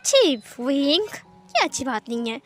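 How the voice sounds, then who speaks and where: A woman voicing a gentle young man who comforts and reassures a crying friend. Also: high-pitched, big pitch swings, a little slow, faint music behind. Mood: soothing. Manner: soothing, reassuring.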